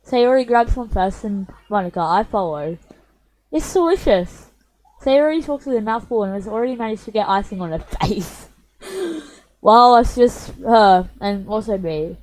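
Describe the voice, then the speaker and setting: A woman's voice: mid-range voice, moderate pace, a little mellow, slight background noise, low-quality recording. A young woman reading a visual novel aloud for her stream, chatty and self-mocking, with a slightly sore voice. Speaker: gaming streamer.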